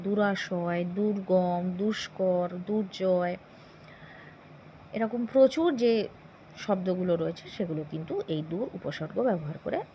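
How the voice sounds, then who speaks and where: A woman's voice: medium pitch, dull audio, a little hiss or hum. A woman teacher giving an exam-prep grammar lesson, reading out long lists of words one by one and asking herself a short question before each list.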